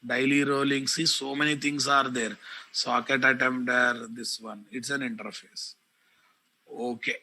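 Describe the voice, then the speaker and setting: A man with a Telugu Indian English accent teaching a live online software class, repeating phrases and addressing his students directly. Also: medium pitch, little pitch movement, a little slow, rough recording. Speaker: programming teacher.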